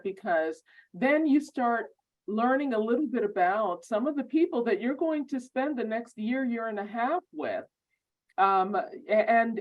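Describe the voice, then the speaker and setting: Brief: woman program host, slow and halting with lots of ums, muffled video-call sound. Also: a little high. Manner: halting, many ums and repeated words. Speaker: law school program administrator. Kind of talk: welcoming remarks at an online orientation.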